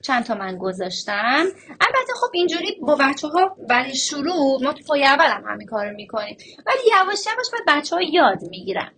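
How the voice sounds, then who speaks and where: High lively woman teaching phonics. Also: slight background noise. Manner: sing-song, stretches sounds out for children. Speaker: preschool teacher.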